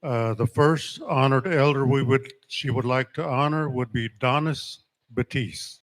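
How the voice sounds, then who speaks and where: A man working as a powwow emcee, announcing honorees and calling people up in a deliberate, ceremonial way with pauses. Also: medium pitch, poor audio.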